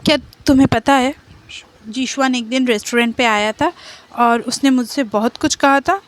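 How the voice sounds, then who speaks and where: A woman reads the part of a short-fused young man who scolds his lover sharply. The voice sits high and the tone stays firm and bossy throughout, each order laid down without softening. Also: expressive, measured pace. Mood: angry.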